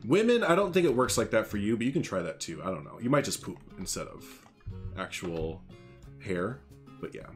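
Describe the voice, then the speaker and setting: A man in his thirties from Northern Illinois, with a slight Chicago accent, streams a building game on a headset from a small room at home. His voice is lowish and lively, a little fast, over soft background music. He rambles and jokes, chatting casually with his viewers.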